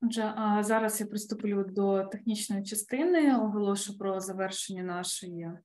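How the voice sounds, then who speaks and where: A woman's voice: mid-range voice, normal speed, a little mellow. A woman moderating and closing an online conference in a formal, earnest way, with hesitant fillers, over a video call. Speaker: moderator and event coordinator.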